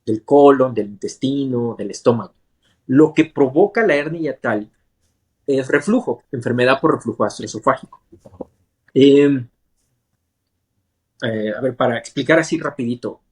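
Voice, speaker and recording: A male surgeon talks through a medical topic as a guest, keeping it simple and stopping often to check that listeners follow. His voice sits at an ordinary middle pitch with a slightly husky, breathy edge. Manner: patient and teacherly, often checks understanding with a quick question. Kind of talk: explaining medicine in plain terms in an interview.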